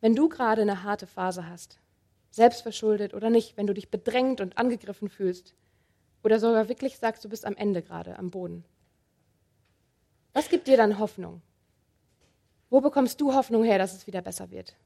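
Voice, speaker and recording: Calm, earnest woman giving a sermon. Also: mid-range voice, moderate pace, gravelly, pauses often. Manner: calm, earnest, addresses listener directly. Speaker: preacher. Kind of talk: sermon with Bible reading.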